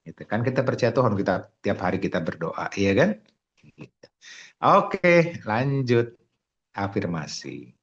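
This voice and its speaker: A man teaching an online seminar, animated, repeating affirmations in a chanting way over a video call. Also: on the low side, measured pace, long pauses, lo-fi sound. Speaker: motivational speaker.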